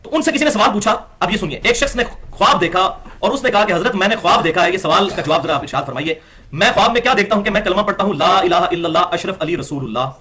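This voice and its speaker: A man giving a religious lecture, citing books by page and reading passages aloud. His delivery is emphatic, swinging between raised, forceful phrases and low, quiet asides. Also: expressive. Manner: emphatic, quotes sources and reads passages aloud.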